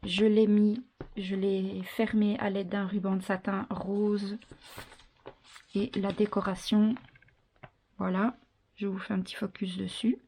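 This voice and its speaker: A woman's voice: mid-range voice, level tone, measured pace, pauses often, mellow, a little hiss or hum. A woman with an accent presenting a handmade scrapbook album at home in a chatty, step-by-step craft tutorial. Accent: non-French accent. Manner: chatty, counts and explains step by step with fillers.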